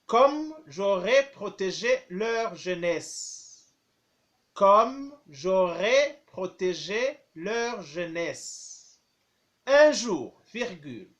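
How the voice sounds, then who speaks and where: A high-voiced man dictates as a primary school teacher would, at an extremely slow pace. He repeats each phrase in small chunks and speaks the punctuation marks out loud. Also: sing-song. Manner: dictating deliberately phrase by phrase, punctuation spoken aloud.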